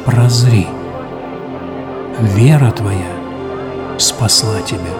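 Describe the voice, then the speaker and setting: A man voicing a gentle, calm teacher and healer in a children's Bible story. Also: lowish voice, extremely slow, over loud music, voice pushed down.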